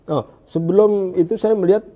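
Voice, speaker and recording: A man from Indonesia recounts his experience in an interview, in a mellow, slightly raised voice. He talks haltingly and restarts as he hunts for the right word, then sinks to a hushed tone whenever he quotes. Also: steady tone. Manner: searching for words, halting restarts; drops to a hushed low voice when quoting. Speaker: guest giving a testimony. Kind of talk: conversational interview.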